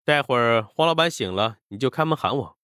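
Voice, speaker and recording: A man's voice: medium pitch, expressive, a little fast, a bit bright, clean tone, no room sound, studio quality, pitched below the performer's own voice, lightly acted. A man voicing a courteous, humble young man in an audiobook. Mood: polite. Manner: courteous, deferential. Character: polite young man, humble, eager to please. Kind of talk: audiobook character voice.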